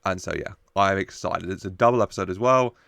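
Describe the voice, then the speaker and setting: A man hosts a casual reaction show in a low voice with plenty of fry. The recording is dry and close, and his commentary is chatty and jokey. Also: fast talker, fairly bright tone, dry recording. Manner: jokey, chuckles often while talking.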